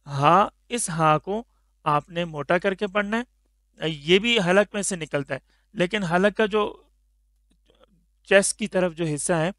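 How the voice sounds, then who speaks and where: A man's voice: sits high, unhurried, long pauses, a bit bright, no echo, studio quality. A man teaching Tajweed pronunciation of Arabic letters, patiently stretching each letter sound for the learner. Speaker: Quran recitation teacher.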